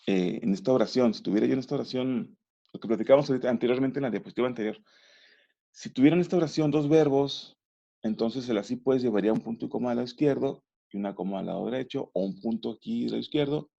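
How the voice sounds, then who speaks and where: Gravelly man teaching patiently. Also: mid-range voice, warm tone. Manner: patient, explanatory, often checks understanding. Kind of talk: remote grammar lesson. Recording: dull lo-fi recording.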